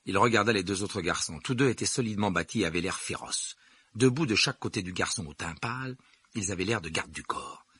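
Man, audiobook narrator, calm steady reading, bright husky voice, dry close sound. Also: deep voice, a little fast, no echo.

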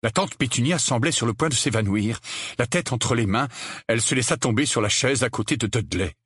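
A man reading a novel aloud as audiobook narrator, steady storytelling delivery. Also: mid-range voice, fairly quick, slightly rough, no echo, clean studio sound. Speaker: audiobook reader.

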